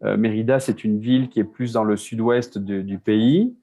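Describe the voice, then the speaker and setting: Halting French man telling his story. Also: fairly low pitch, steady tone, dark tone. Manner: halting, many restarts and repeated words. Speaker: guest, beer business co-founder. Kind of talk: casual interview talk. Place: Mexico City.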